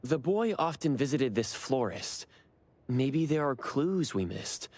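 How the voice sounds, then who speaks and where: In a dry recording, a man performs an anime game's reserved, polite young man, sounding earnest, understated, and hesitant. His mid-range voice is slow, sing-song, a little mellow, and exaggerated.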